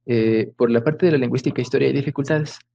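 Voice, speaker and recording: A man's voice: mid-range voice, steady tone, quick pace, gravelly, mellow, breathy edge, highs cut off. Man, academic lecture, video call mic, explanatory, frequent fillers. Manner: explanatory, many fillers and rhetorical questions. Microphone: video call microphone.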